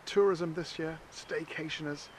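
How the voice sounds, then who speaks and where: A man's voice: on the high side, fairly even intonation, a little slow. An Irish-accented man doing casual interviews on location as a roving radio reporter. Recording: faint outdoor background noise.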